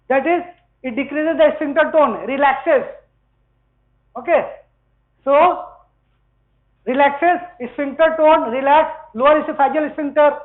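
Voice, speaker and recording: A male medical lecturer with a very high voice, speaking slowly as he moves between Hindi and English in an Indian accent. He walks the class through each step and keeps checking in with quick questions. The sound is thin and tinny, like a phone line. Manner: explains step by step, asks students rhetorical questions. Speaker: physiology lecturer.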